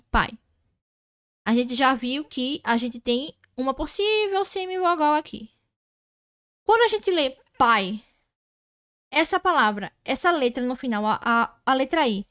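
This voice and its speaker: Brazilian woman teacher, high voice, dry close sound, says words over and over slowly. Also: animated, a bit bright, no room sound. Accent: Brazilian Portuguese. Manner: patient, repeats words slowly and asks if students follow. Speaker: Portuguese teacher. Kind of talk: online grammar lesson.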